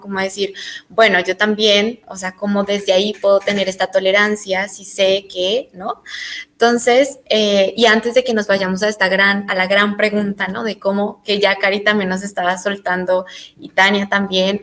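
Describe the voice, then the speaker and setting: A woman's voice: mid-range voice, a bit bright. A woman from Colombia leads an online panel discussion. She talks in a hesitant, searching way, full of fillers and restarts as she thinks aloud. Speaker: panel moderator.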